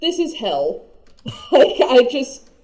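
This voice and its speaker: Mellow-voiced woman, animated and halting. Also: high voice, low-quality recording. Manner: animated, halting restarts, laughs often, swears casually. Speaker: podcast co-host. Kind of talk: casual chat reviewing an anime.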